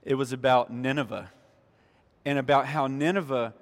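A pastor preaching a sermon in a church, emphatic, repeating key lines and speaking directly to the congregation. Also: male voice, mid-range voice, fairly even intonation, normal speed. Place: church sanctuary. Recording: long hall reverb.

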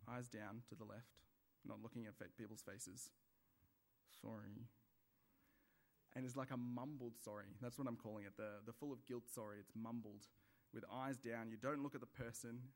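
A man preaching a sermon in church, at an ordinary middle pitch. He talks through his points in a conversational way, asking the listeners questions. He acts out small everyday examples as he goes.

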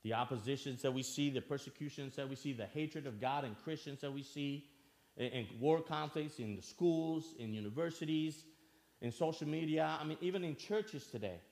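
A man's voice: fairly high pitch, normal speed, darkish tone. A man from Albania preaching a sermon in church, earnest, asking the listeners questions and repeating phrases for emphasis.

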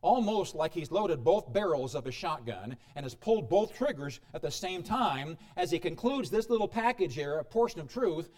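A man preaching a sermon, reading scripture aloud and explaining it with dramatic swings in loudness and frequent chuckles. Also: lively intonation, moderate pace, hardly any pauses. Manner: dramatic shifts in pitch and volume, chuckles often.

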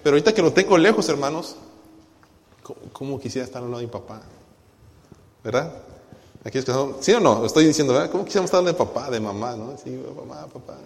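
A man with a Mexican accent preaching a sermon to his congregation, moving from loud exhortation to quiet, personal storytelling. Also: medium pitch, lively intonation, quick pace, pauses often, long reverb tail. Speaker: pastor. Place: church.

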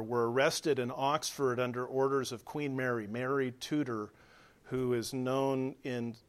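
A male pastor preaching a sermon, earnest, shifting between hushed lines and emphatic exhortation. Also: mid-range voice.

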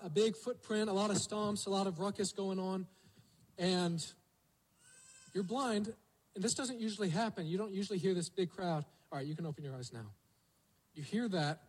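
A man's voice: high voice, moderate pace, slightly rough, low-quality recording. A male pastor preaching a sermon, telling the story vividly and asking the congregation rhetorical questions.

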